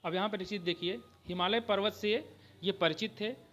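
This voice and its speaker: Guy teaching history for exams, high bright voice, keeps saying "okay" to check in. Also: dull audio. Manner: repeats "ठीक है" often, explains slowly with restarts. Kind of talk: exam-prep history lecture.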